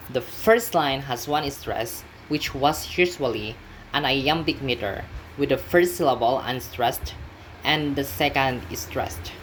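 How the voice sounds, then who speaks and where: A woman giving a class presentation on a poetry form, speaking carefully with some halting restarts. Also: a bass voice, a little hiss or hum, poor audio. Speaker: student presenter.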